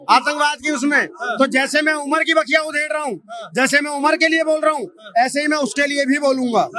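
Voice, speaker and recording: A man in a heated street debate, lecturing forcefully with rhetorical questions. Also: extremely high pitch. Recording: loud crowd around.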